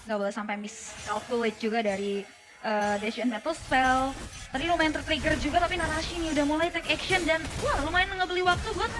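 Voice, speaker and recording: A woman's voice: high-pitched, fairly even intonation, fairly quick, music in the background. A woman commentating live on a mobile game match, exclamatory and mixing in English interjections. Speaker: esports commentator.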